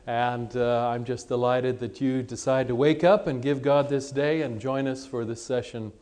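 A man with a mid-range, slightly mellow voice, fairly even intonation and a moderate pace leads a relaxed religious seminar for an audience in a conference room. Born in Egypt to missionary parents, he grew up in Lebanon. He's conversational and pokes fun at himself while asking listeners questions.

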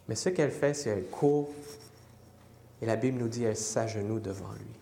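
A man preaching a sermon, animated and repetitive, with self-deprecating humor. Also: on the low side, normal speed, vocal fry, roomy sound, a little hiss or hum.

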